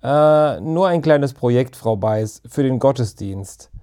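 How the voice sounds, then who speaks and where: A man's voice: mid-range voice, expressive, slow, mellow. A man voicing a cheeky schoolboy who talks in a theatrical, playful way. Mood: innocent.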